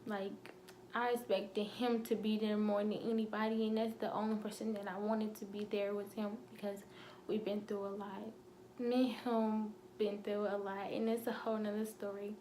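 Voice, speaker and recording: A young woman telling a painful personal story, halting with many fillers and fighting back tears. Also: medium pitch, level tone, dark tone, a little hiss or hum. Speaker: vlogger.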